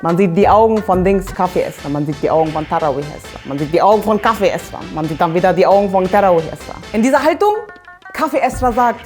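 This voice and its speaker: A woman's voice: on the low side, fast, darkish tone, faint music behind. A young woman hosting a comedy video, telling stories to the camera in a playful, exaggerated way. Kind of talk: comic storytelling to camera.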